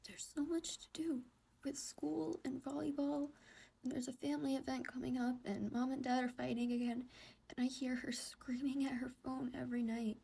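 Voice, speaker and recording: A woman's voice: high voice, little pitch movement, moderate pace, gravelly, mellow, breathy edge, full character voice. A woman voicing an anxious, distressed teenage boy in a whispered role-play, with shaky, pleading, self-questioning speech. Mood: tearful.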